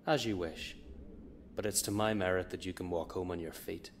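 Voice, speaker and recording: A man's voice: deep voice, fairly even intonation, moderate pace, a little hiss or hum. An actor voicing a cocky, sardonic young male adventurer in a video game, with a dry, sarcastic delivery.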